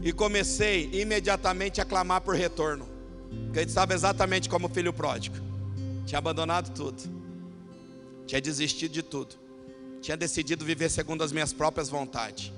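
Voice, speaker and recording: A man preaching a sermon as pastor, telling a personal story and building from quiet narration to shouted, passionate climaxes. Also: on the high side, brisk, over music.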